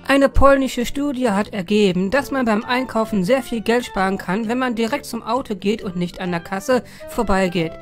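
A woman reads out viewer-submitted jokes in a fairly high voice. She giggles after each punchline and adds amused asides. Faint music plays underneath. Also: moderate pace, hardly any pauses. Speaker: joke channel host. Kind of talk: reading viewer jokes aloud.

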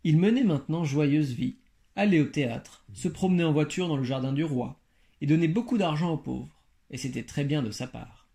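A man reads a fairy tale aloud in a steady storytelling manner. His voice is somewhat high for a man, with a gravelly fry running through it. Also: moderate pace. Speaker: reader.

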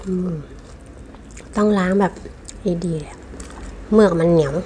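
A woman's voice: on the low side, unhurried, dark tone, slight background noise. A woman doing a casual mukbang eating show, chatting to viewers between bites with chewing and savouring hums.

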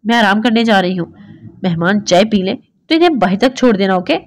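A woman's voice: mid-range voice, a little fast, dry recording, studio quality, close to an everyday voice. Woman reading a curt, cold young woman. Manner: curt and sharp.

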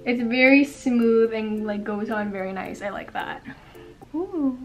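In a rough recording with faint music behind her, a twenty-something beauty vlogger talks casually through her makeup in her bedroom. Her slightly high voice keeps a measured pace, bubbly with fillers and small laughs, picked up by a tripod camera an arm's length away.

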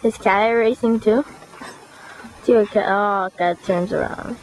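A woman filming dogs by a lakeshore, cheering them on excitedly and calling out instructions. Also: medium pitch, measured pace. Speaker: person filming dogs at a lake. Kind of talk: casual home video chat. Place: lakeshore outdoors. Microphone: camcorder mic. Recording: noisy outdoor camcorder audio.

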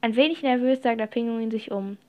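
A woman narrating a storybook chapter aloud, reading lively with occasional slips and restarts. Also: on the high side, brisk. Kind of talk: audiobook reading.

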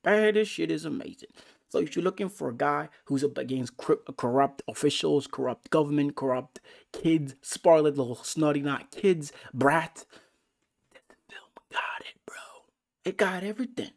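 Excitable, foul-mouthed man reviewing a movie. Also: a little high, normal speed, creaky. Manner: excitable and profane, swinging from loud bursts to hushed whispers. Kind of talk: casual movie reaction review.

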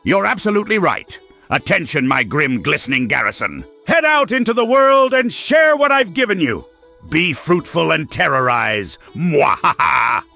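A man voicing a bombastic, gloating mad-scientist villain in a comic dub, with slow theatrical menace. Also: on the high side, huge pitch swings, gravelly, pushed and bright, faint music behind, exaggerated voice. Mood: grandiose menace.

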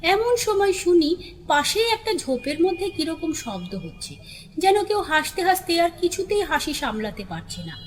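Lively high-voiced woman storyteller. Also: moderate pace, a little hiss or hum. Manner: lively, expressive reading. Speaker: narrator. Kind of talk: storybook reading.

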